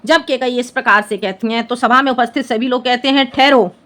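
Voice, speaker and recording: High-voiced woman teacher explaining a poem. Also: steady tone, a little fast, a bit bright. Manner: explains line by line, often checks understanding. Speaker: Hindi teacher. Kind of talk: classroom-style poem explanation.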